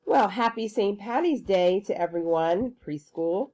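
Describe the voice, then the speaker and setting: A woman's voice: medium pitch, expressive, unhurried, darkish tone. A woman preschool teacher leading a circle time lesson for children in an encouraging, sing-song way.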